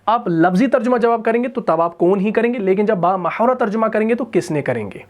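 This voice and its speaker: A man's voice: high voice, lively intonation, a little mellow. Patient male Quran teacher explaining. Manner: patient explaining, often checks if students follow; intones Quranic verses in a slow chant. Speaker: Quran and Arabic grammar teacher. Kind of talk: recorded online lesson.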